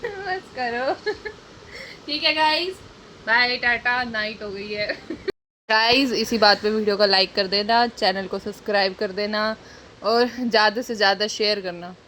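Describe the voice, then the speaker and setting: A woman's voice: mid-range voice, a little slow, bright, forceful tone, a little hiss or hum, low-quality recording. A young woman chatting casually in a couple's home vlog, teasing and laughing as she talks to viewers. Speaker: vlogger.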